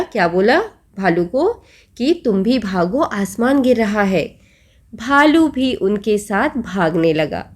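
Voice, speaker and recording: A woman's voice: medium pitch, darkish tone. A woman teacher patiently explaining a children's textbook story, asking the class questions and answering them herself.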